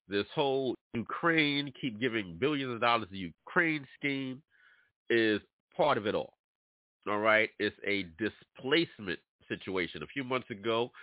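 In a casual talk-radio monologue, an internet radio host from New York addresses his listeners directly, animated and preachy, and clearly congested from allergies. His voice is mid-range, and the dry recording has a tinny, phone-like sound.

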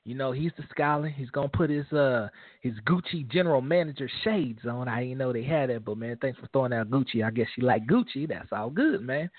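A man co-hosting a casual sports talk show, animated and joking, leaning on "man" at the end of his lines. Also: mid-range voice, fairly quick, dry recording. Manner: animated trash talk, laughing, repeats "man". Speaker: podcast co-host. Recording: dry, phone-like lo-fi audio.

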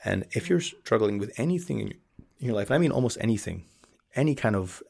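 Gravelly-voiced man in his thirties. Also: on the low side, expressive, brisk, darkish tone. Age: 30s. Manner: earnest, repeats words as he restarts. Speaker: podcast guest, ASMR YouTuber. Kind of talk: casual interview chat.

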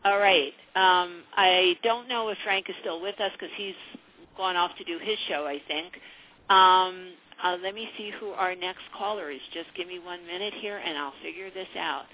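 A woman hosts a live advice phone-in. Her voice sits fairly low and she talks in a reflective, hesitant way, often repeating phrases. The audio is narrow and telephone-like. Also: moderate pace, slight background noise. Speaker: psychic advice radio host. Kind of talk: conversational live call-in advice. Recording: narrow phone-like radio sound.

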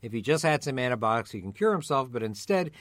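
A middle-aged man with a gravelly, mildly hoarse voice, co-hosting and explaining in a measured, conversational way. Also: medium pitch, big pitch swings, a bit bright, dry recording. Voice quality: gravelly voice from a passing illness. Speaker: co-host of a survival medicine show.

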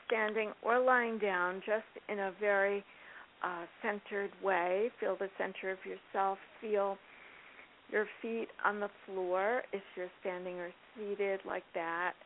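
Slow, calm woman guiding grounding, phone-like line. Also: mid-range voice. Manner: slow, halting, measured instruction with pauses. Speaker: guest therapist. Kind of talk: calm guided grounding exercise. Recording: hissy, narrowband phone-like line.

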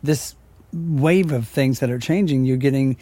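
A man's voice: medium pitch, measured pace, warm tone, dry recording. A man co-hosting a casual political chat show, joking and often trailing off mid-sentence. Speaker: co-host.

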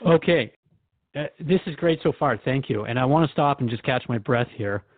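A radio show host conducts a conversational interview, his medium-pitched voice moving at a moderate pace. He speaks informally and reflectively, hesitating now and then as he thinks aloud. The audio is narrow and tinny, with no echo.

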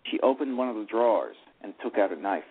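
Over a tinny, phone-line radio broadcast, a man narrates a live radio play in a fairly low voice with a breathy edge. He's expressive and quick, but frequently stumbles and starts his words over.

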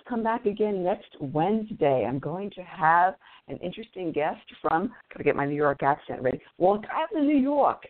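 A woman hosting an online show, wrapping up an interview in an upbeat, chatty way and laughing easily. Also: sits low. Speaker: podcast host. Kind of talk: casual interview wrap-up. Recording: tinny phone-like audio.

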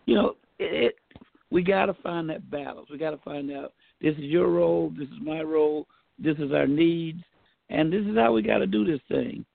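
A man co-hosting a casual faith-based talk show, laid-back and folksy, pausing often with fillers. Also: on the high side, gravelly, no room sound, phone-quality sound. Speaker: podcast co-host.

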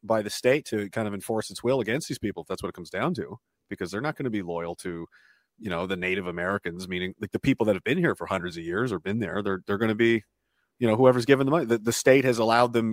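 A man's voice: lowish voice, fast, no room sound, clean studio sound. A man talking as a podcast guest in a casual, rambling way, often restarting phrases and chuckling between thoughts. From Canada.

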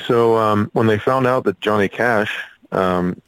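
A man's voice: on the low side, a little slow, a bit bright, clear, resonant tone, dry recording, low-quality recording. A man speaking as a musician and actor guest in a casual interview, earnest and a little hesitant.

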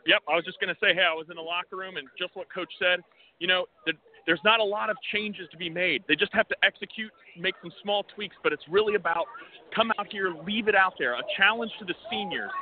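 A male sideline reporter speaks in a high, lively voice at a quick clip. His delivery is hurried and excited, with restarted phrases. It comes over a thin broadcast link from an outdoor field, with heavy noise around him. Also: phone-quality sound. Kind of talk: live sideline report and interview.

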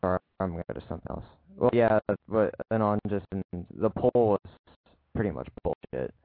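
A man with a low voice calling in over a tinny phone line. He rambles, trails off and loses track of his point. The line sounds dry and boxed-in. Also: animated, a little fast, dry recording. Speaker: caller. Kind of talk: casual call-in chat.

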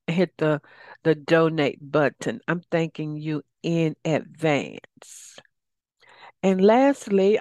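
A woman's voice: on the low side, a little mellow, no echo. A woman speaking casually as the solo host of a coaching show, rambling conversationally with asides. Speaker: podcast host and life coach.

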